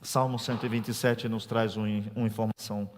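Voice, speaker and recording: A man from Brazil preaching a teaching sermon as a pastor. He jokes with the congregation in a conversational way, then climbs to loud preaching peaks. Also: on the low side, fairly quick, slight background noise. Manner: animated, swings from soft asides to loud preaching peaks. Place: church. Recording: long reverb of a church hall.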